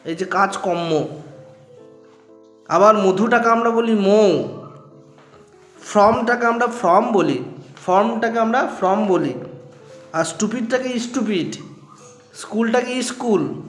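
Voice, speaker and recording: A man's voice: sits high, fairly bright tone. A male teacher with a Bengali accent from West Bengal, giving a grammar lesson to students and explaining with everyday examples and questions. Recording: echoey room with faint music.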